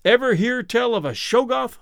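A man's voice: very high voice, expressive, moderate pace, gravelly, fairly bright tone, no echo, studio quality, pitched above the performer's own voice, full character voice. A man voicing a mad, terrified old townsman, ranting in rustic speech. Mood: urgent. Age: older. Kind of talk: audiobook character voice.

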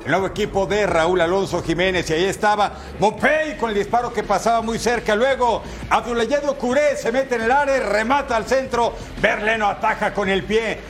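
A man delivers football highlights commentary straight to the viewer, colloquial and full of exclamations, at a moderate pace.

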